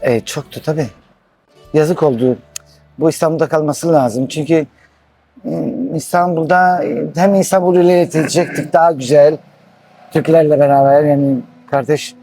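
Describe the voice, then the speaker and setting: A middle-aged man from Istanbul, speaking halting, slightly broken in a casual street interview. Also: a little high, steady tone, warm tone, faint music behind. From Istanbul, Turkey. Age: middle-aged to 60s.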